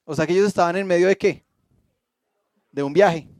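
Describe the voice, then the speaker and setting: A man with a high-pitched voice leads a church Bible study, recorded close and dry. He keeps checking in with his listeners through questions as he reads and explains, and he slips in playful jokes. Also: moderate pace, a little mellow, no room sound. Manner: asks the audience frequent questions; reads a passage aloud and stops to explain.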